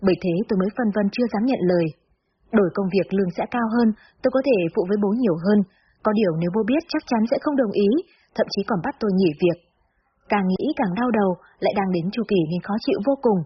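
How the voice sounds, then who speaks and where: A woman narrating a story aloud in the first person, in steady storytelling manner. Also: medium pitch, fast. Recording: slightly dull recording with faint hiss.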